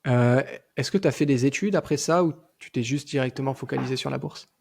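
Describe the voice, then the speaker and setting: A man's voice: medium pitch, fairly quick, gravelly, darkish tone, slight background noise. A man interviewing a guest in casual, conversational talk. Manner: conversational, questioning.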